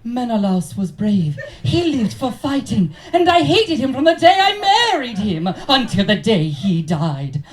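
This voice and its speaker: Male actor as earnest epic heroine, bad acting, overwrought delivery, high voice, very swooping intonation. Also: big pitch swings, a little slow, few pauses, heavily acted. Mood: melodramatic. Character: Helen of Troy, an earnest melodramatic lover, played by a twitchy amateur actor. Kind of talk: comic stage scene reading.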